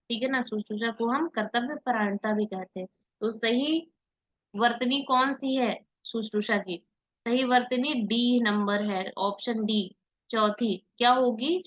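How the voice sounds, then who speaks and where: A woman teaching an exam-prep spelling lesson, asking questions and answering them herself, repeating each word slowly. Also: on the high side. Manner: asks and answers her own questions, repeats words slowly. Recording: slightly dull lo-fi audio.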